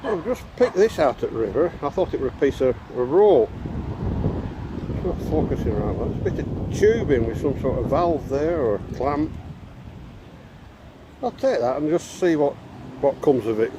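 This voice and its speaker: A man's voice: medium pitch, animated, normal speed, pauses often. A man with a Northern English accent giving casual outdoor vlog commentary, raising his voice over the wind. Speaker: vlogger. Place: outdoors by a river. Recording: windy outdoor recording, loud wind noise. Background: wind noise.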